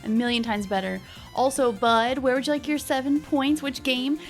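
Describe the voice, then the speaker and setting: Picture a woman livestreamer with a high voice and a playful gamer-girl manner. She chats casually with her viewers in a bubbly, chirpy way. Music plays softly behind her. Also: fairly even intonation, moderate pace. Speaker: live streamer host. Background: background music.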